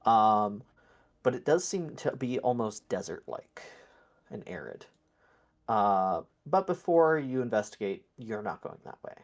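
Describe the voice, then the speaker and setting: A man's voice: fairly low pitch, very animated, measured pace. A man narrating as game master in a tabletop game, easygoing and descriptive.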